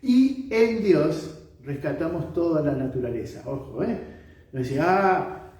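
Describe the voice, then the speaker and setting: A priest preaching a conversational sermon, asking rhetorical questions and acting out quotes. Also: male voice, fairly high pitch, very animated, unhurried, dark tone. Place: community house chapel, livestreamed mass. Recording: very echoey room, far from mic.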